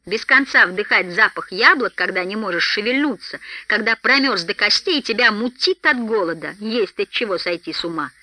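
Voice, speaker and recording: A woman's voice: medium pitch, animated, normal speed, few pauses, sharp tone, no echo. A woman voicing an impatient young dwarf who complains and grumbles. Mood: grumbling.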